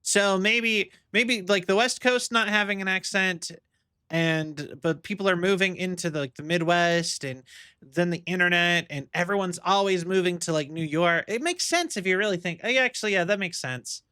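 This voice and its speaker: Young male streamer, chatty and rambling, bright clear voice. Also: sits high, normal speed, no room sound, studio quality. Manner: rambling, musing, many fillers. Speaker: livestreamer. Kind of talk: casual chat while gaming. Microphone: streaming mic.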